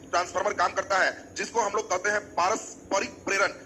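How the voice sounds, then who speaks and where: A man's voice: high-pitched, steady tone, fairly quick, sharp tone, slight background noise, rough recording. A male teacher, giving an exam coaching lecture and quizzing his students by repeating key terms.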